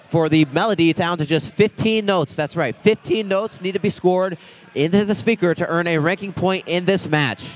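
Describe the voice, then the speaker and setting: A man announcing a robotics competition, giving steady live play-by-play of team numbers and scores at the event venue. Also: a little high, slight background noise. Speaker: match announcer.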